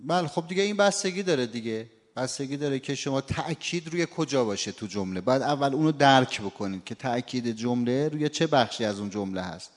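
A man teaching a recitation class, explaining points politely and demonstrating phrases as examples. His voice sits at an ordinary middle pitch. The room gives it a long reverb. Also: animated, few pauses. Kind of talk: classroom lecture with questions.

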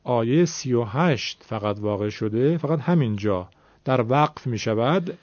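A man's voice: medium pitch, expressive, darkish tone, no room sound. Guy teaching a recitation class, repeats each word for students, dry dull audio. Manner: explains patiently, repeats words for learners. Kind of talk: classroom lesson explaining rules. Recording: dull lo-fi sound.

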